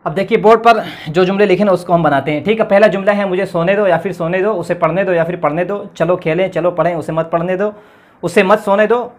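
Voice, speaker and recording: A man's voice: high voice, fairly even intonation, brisk. Male English teacher, tinged delivery, patient board lesson, repeats his check-ins. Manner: repeats "theek hai" often, explains patiently.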